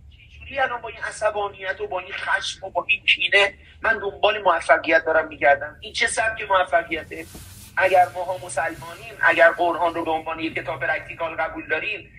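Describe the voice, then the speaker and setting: Bright, high-pitched man preaching emphatically. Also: recorded from a distance, poor audio. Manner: emphatic, recites scripture in Arabic. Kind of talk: conversational talk, preachy.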